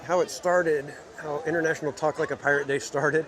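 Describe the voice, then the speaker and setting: A man hosting a casual walking livestream in a theme park, chatting with viewers in a relaxed, rambling way. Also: on the high side, brisk. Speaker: livestream host. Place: outdoors in a busy theme park. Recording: loud outdoor park noise.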